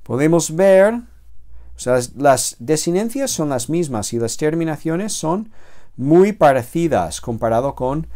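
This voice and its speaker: A man's voice: a little high, big pitch swings, unhurried, mellow. A man with a Spanish accent from Spain, a theology professor giving a patient recorded lecture, explaining step by step and correcting himself as he goes. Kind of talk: recorded lecture on biblical Greek.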